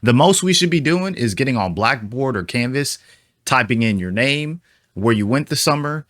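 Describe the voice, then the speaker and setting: A man's voice: mid-range voice, animated, normal speed, fairly bright tone, dry recording, clean studio sound. A man streaming a casual reaction to a video, thinking aloud in a chatty way with lots of fillers.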